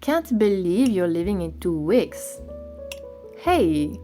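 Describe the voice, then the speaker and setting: A woman acting in an animated short film, speaking in an earnest, questioning manner. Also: fairly low pitch, slow pace. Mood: probing. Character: opinionated woman, later a polite, attentive therapist. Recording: music under the voice.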